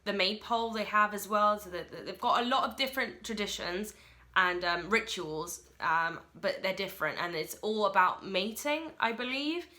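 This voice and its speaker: A woman giving a casual solo film review in a rushed, chatty way, full of fillers like "like" and "uh". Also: medium pitch, lively intonation, bright, forceful tone.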